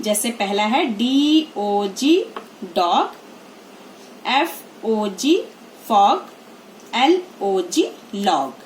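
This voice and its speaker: Slow, echoey woman teaching phonics. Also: fairly high pitch, a little mellow. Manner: spells out letters slowly, then gives Hindi meanings. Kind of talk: phonics lesson for young children. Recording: echoey room with faint noise.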